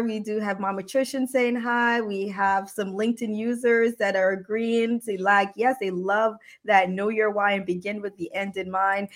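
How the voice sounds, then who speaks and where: Woman host, bubbly and effusive, quick laughs, mid-pitched voice, casual live-stream interview. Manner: upbeat and effusive, laughs often.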